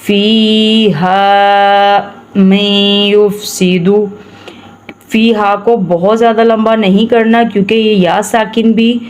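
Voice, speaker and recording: A woman from Pakistan teaching Quran recitation, patiently chanting each word slowly and then explaining quickly. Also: medium pitch, darkish tone. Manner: slow drawn-out recitation alternating with quick explanation. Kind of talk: tajweed recitation lesson.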